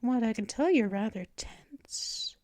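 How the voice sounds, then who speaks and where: A woman plays a possessive vampire mistress in an ASMR roleplay, whispering softly and teasingly close to the mic. Her fairly high, expressive voice is slow and drawn out, with a soothing mood and a dry recording.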